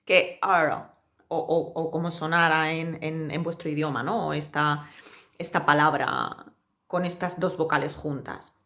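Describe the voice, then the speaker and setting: A woman teacher giving a pronunciation lesson, saying example words slowly and with exaggerated care. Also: deep voice, little pitch movement, a bit bright. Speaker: Spanish teacher.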